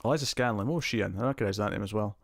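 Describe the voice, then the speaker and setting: A man hosting a casual live stream, chatting to viewers and thinking aloud, his voice heavily compressed to an even level on a close mic. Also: lowish voice, very fast, no echo.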